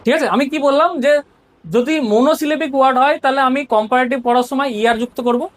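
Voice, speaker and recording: Brisk Bengali-accented woman teacher. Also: sits high, steady tone. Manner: explains step by step, often asks "ঠিক আছে?". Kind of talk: grammar lesson explanation.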